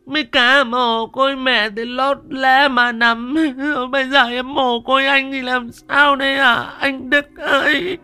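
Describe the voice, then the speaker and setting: A man voicing a scheming middle-aged woman who fake-wails at a funeral in a shrill, sobbing falsetto. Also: flat delivery, sharp tone, smooth, no echo, faint music behind, full character voice. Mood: fake wailing. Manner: theatrical sobbing, drawn-out cries.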